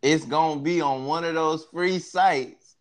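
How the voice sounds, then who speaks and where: A man's voice: a little high, unhurried. A young man chatting casually as a co-host, slangy and joking, in the easy manner of a guy talking with his bros. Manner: laid-back bro talk, slangy, joking.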